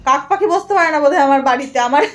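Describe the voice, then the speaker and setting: A woman vlogger in her thirties chatting casually to her viewers, moving between a soft polite voice and a louder, lively one. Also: sits high, very fast. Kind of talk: casual chat to camera.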